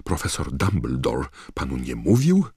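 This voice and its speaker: A man's voice: wildly swooping pitch, moderate pace, a little mellow, breathy edge, dry recording, clean studio sound, heavily acted. A man voicing a stern older female witch teacher who cries out in alarm. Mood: shaken. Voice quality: shrill, shocked.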